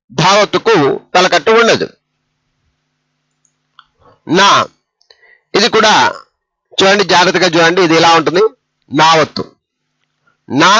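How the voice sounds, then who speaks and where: Slow, patient man teaching letters. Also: on the high side, bright, forceful tone, dull audio. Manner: patient, repeats each letter twice. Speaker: Telugu script teacher. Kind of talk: slow step-by-step lesson.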